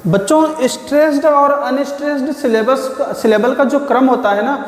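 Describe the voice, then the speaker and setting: A man's voice: extremely high pitch, moderate pace. A male teacher giving a classroom-style lecture, patiently explaining, putting questions to the children and then answering them himself. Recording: echoey room with long reverb.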